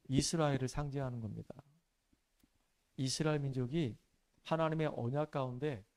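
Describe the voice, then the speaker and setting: Man, pastor, church sermon, high-pitched, emphatic, animated storyteller. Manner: animated storytelling, emphatic, dropping low for solemn points.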